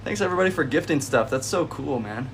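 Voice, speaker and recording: A relaxed young man in his twenties chats through golf tips on a backyard livestream. He sounds set back from the phone mic, with a clear hum of an air conditioner and outdoor noise behind him. His tone is friendly and easygoing, and he calls viewers bro. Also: on the high side, quick pace, recorded from a distance, low-quality recording. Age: 20s.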